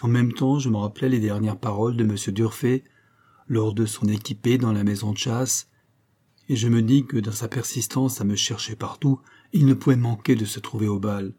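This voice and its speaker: A man reading a classic story aloud in a measured, even narrating manner. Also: lowish voice. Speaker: audiobook reader. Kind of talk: scripted literary narration.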